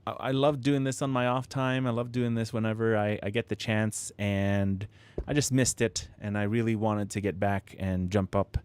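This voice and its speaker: This model-kit livestream host speaks from his home setup in a lowish, level, darkish and smooth voice, at a moderate pace with hardly any pauses. He rambles to viewers, full of restarts and fillers and frequent chuckles, close to a studio mic with proximity effect and no echo.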